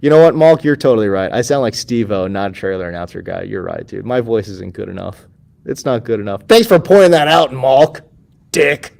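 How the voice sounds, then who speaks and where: A male host running a casual sports Q&A. His pitch bounces all over the place, and he lurches from loud, incredulous outbursts to low mumbled asides, using plenty of slang. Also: expressive, a little fast, creaky. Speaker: host of a fantasy football advice show. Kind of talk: casual livestream question-and-answer.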